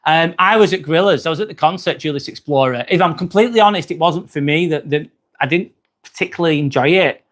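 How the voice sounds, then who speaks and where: His voice is on the high side and fairly bright, and he speaks fast. The man, from near Manchester with a northern English accent, hosts a casual livestream, reading viewer comments in a friendly, chatty manner full of "um" fillers.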